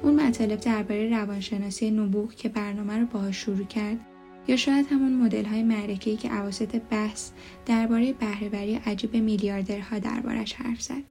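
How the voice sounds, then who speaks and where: A woman reading a book aloud as an audiobook narrator, voicing every character in her own even voice. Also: medium pitch, creaky. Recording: faint music bed behind the voice.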